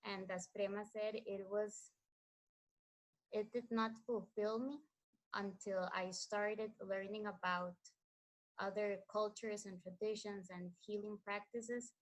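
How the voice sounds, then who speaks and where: Slow, reflective woman introducing herself. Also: medium pitch, level tone, rough recording. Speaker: workshop participant. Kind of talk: casual introduction.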